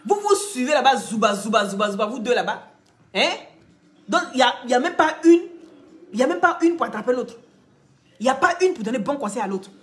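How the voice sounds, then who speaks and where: A woman's voice: high voice, animated, quick pace, long pauses. A woman giving scolding, mocking gossip commentary, speaking straight to the people she criticizes. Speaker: online commentator.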